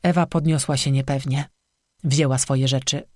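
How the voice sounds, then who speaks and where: An audiobook narrator reading a scripted horror story in an even, steady manner. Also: mid-range voice, moderate pace, no echo, studio quality.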